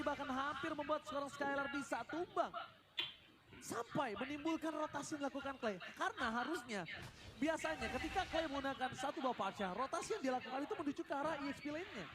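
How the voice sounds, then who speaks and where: A man with an Indonesian accent giving excited, dramatic play-by-play esports commentary like a fighting game announcer, with English catchphrases. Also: very high-pitched. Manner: dramatic, shouts key plays with English catchphrases.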